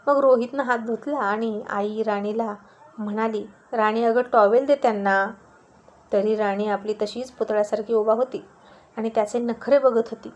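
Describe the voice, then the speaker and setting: A woman's voice: a little high, moderate pace, muffled recording. Woman narrating a story. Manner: even, descriptive storytelling. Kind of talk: scripted narration.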